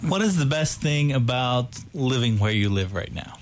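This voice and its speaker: A man asks interview questions in an informal, encouraging way. His voice sits at an average pitch, with some background noise in the recording. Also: lively intonation, normal speed.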